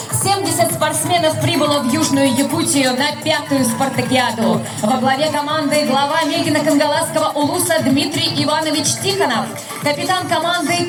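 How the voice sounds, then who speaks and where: Female stadium announcer, ceremonial and declamatory, high voice, strongly echoing PA with music behind. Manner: formal, declamatory announcer delivery. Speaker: stadium announcer at a sports team parade. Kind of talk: ceremonial public-address announcing of scripted introductions.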